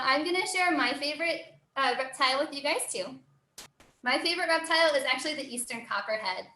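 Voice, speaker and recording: A woman's voice: high-pitched, bright, forceful tone. An American woman working as a zoo educator, giving a live online lesson for children in a cheery, encouraging zookeeper manner. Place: indoor room, online video call. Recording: roomy, echoing sound.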